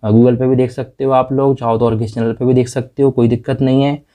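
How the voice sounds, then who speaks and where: Chatty man teaching with a mellow voice. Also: medium pitch, little pitch movement, a little fast. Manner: chatty, addresses students as friends; rambling, with fillers and restarts. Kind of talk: casual exam-prep lecture.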